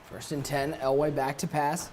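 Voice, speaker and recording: A man calling live play-by-play for an esports tournament, energetic and joking as he hypes big plays. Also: fairly high pitch, normal speed, slight background noise.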